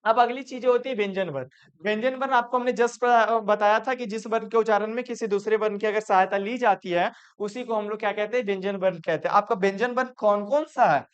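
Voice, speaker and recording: A man's voice: high voice, fairly even intonation, brisk, clear, resonant tone. A male teacher giving a classroom grammar lesson, repeating points and asking and answering his own questions. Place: classroom with students.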